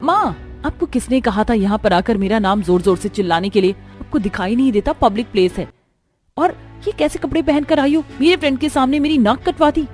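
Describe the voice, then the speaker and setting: A haughty young daughter from a cartoon story, voiced by a woman, pitched high and quick to snap. Her words come out sharp and fast, with light music behind her. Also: natural voice. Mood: scornful. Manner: sharp, scornful scolding. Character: young woman, arrogant airline cabin crew daughter.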